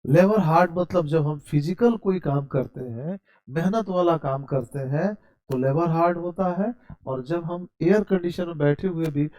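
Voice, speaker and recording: A man's voice: a little high, warm tone, dull audio. A man teaching a spoken English grammar lesson. He explains step by step, asks his students questions and answers them himself, and spells words out letter by letter. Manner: calls the listener "brother".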